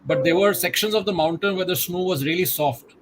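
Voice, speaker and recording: A middle-aged man with a somewhat raised voice talks things through in a reflective, measured way over a video call. He often drops in "you know" as he goes, and a faint hiss runs underneath. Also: high-pitched. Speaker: guest. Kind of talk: conversational interview.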